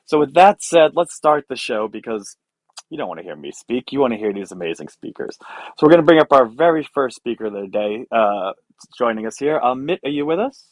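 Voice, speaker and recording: A man's voice: mid-range voice, very animated, a little fast, dry recording. A man hosting a live online conference, introducing speakers in an enthusiastic way. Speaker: event host introducing speakers. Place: remote online event.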